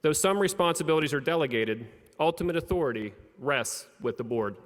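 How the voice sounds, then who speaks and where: A man's voice: fairly high pitch, lively intonation, a little fast. Man announcing formally at a podium microphone. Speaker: college official presenting the graduates. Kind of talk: formal commencement ceremony address. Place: large theater. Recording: long reverb of a large theater.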